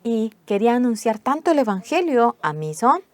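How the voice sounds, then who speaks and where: A woman interpreting a pastor's sermon, telling a testimony in a measured storytelling way. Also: a little high, very animated. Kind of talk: sermon testimony in Spanish voice-over.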